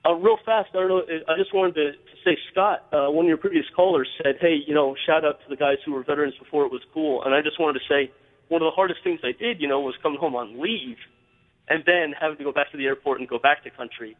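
A man calls in to a radio show, his voice squeezed through a thin, tinny phone line with a long reverb trailing behind it. He speaks quickly in a slightly high register, earnest and halting, full of fillers and restarts. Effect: call-in phone line on air. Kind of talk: call-in radio chat.

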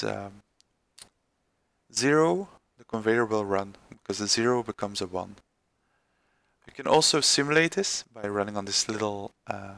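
Man, gravelly tutorial presenter, halting delivery with fillers, mid pitch. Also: fairly bright tone. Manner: halting, many fillers and restarts. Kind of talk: screen-recorded software tutorial.

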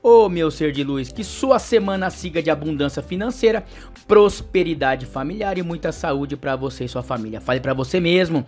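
A man's voice: fairly high pitch, animated, moderate pace, a little mellow, faint music behind. Brazilian man giving an upbeat horoscope reading. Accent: Brazilian Portuguese. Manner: affectionate, upbeat, speaks directly to the listener. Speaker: astrologer and channel host. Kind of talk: horoscope reading and sales pitch.

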